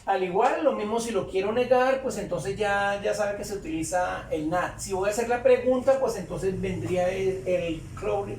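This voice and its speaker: A man teaching English grammar in Spanish, explaining slowly and repeating phrases as he writes on a board. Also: sits high, darkish tone, far from the mic, a little hiss or hum. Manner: slow, repeats phrases while writing. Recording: echoey room, voice away from mic.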